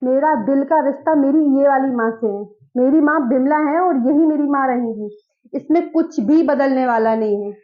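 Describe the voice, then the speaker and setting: A woman's voice: high voice, normal speed, close to an everyday voice. A woman voicing a cold, grown-up young daughter in a drama skit, talking in a curt, formal way. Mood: resentful. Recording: dull lo-fi recording.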